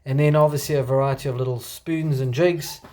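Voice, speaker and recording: A man with a broad South African accent presents his gear as a kayak angler in a casual, unscripted show-and-tell, with halting, hesitant phrasing. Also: mid-range voice, steady tone, background noise.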